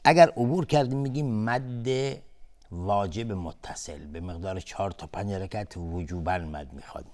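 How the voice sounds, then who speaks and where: A man teaching Quran recitation in a televised lesson, explaining patiently step by step and slowly drawing out recited examples. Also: sits low, a little mellow.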